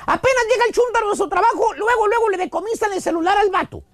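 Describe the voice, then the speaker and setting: A man with a Mexican accent hosting a radio show, telling a comic monologue in an animated, slangy, exaggerated way. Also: very high-pitched, fast.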